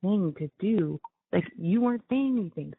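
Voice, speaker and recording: High, creaky male voice on prison phone. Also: lively intonation, a little fast. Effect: prison phone line. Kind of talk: casual phone conversation. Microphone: telephone. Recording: tinny narrow prison phone line.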